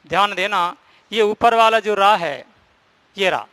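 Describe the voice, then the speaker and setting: Bright, clear-voiced male Hindi teacher. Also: high voice, slow, no room sound. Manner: explains step by step, repeats and stresses key points. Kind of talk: classroom grammar lesson.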